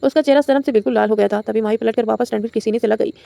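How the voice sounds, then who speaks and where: A woman reading a romantic audio novel aloud as the channel's storyteller, in a brisk, steady voice. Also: fairly high pitch, creaky, no echo.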